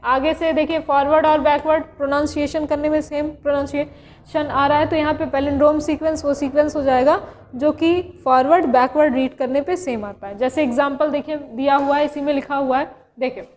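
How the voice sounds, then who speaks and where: A woman's voice: sits high, steady tone, normal speed, darkish tone, in a large hall, slight background noise. A woman biology teacher from India, explaining slides in a classroom lecture, repeating key terms and asking rhetorical questions.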